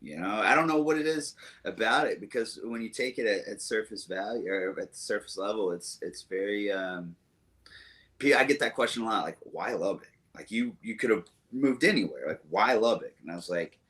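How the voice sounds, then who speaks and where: Deep-voiced rambling Southern-raised man. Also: lively intonation, brisk, fairly bright tone. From Southern United States. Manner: rambling, fond, with many fillers and restarts. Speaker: musician guest. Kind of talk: casual interview chat.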